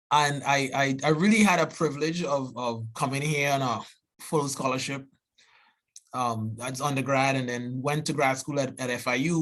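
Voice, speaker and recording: A Trinidadian man in his forties, his accent thick and his voice mid-range, delivers an earnest, animated seminar talk as a biology professor. He frequently restarts sentences and tacks on "right?"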